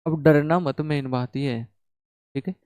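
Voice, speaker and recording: A young man teaching a math class, talking lively and often checking with his students. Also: on the high side, measured pace, clean tone, no echo. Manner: animated, repeats "ठीक है?" to check the class. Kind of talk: classroom lecture.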